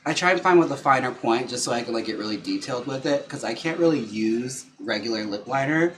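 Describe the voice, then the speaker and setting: A man's voice: medium pitch, expressive, fast. A man with a sassy, campy drag queen manner, chatting casually on a livestream while doing makeup. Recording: clearly noisy room ambience.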